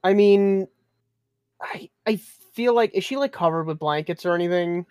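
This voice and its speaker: A tabletop game player speaking hesitantly, with halting restarts and fillers. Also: mid-range voice, a little mellow, smooth, no echo, clean studio sound.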